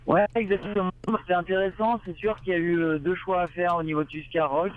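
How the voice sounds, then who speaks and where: A man, a sailing race skipper, talking casually over a radio link from his boat, halting and full of hesitations. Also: sits high, fairly even intonation. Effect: heard over a crackly radio link from a boat. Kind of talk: casual live interview. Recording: tinny radio link from sea.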